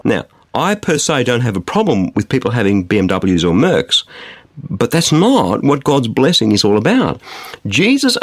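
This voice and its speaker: A man's voice: dry recording, studio quality. A man preaching a radio sermon, swinging his voice up and down for emphasis. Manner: animated preaching, dramatic pitch swings on quotes. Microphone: studio microphone.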